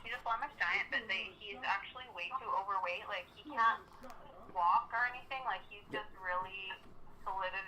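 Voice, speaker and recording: A woman's voice: mid-range voice, moderate pace, sharp tone, rough recording. A woman chatting casually and rambling a little, heard over a phone on speakerphone.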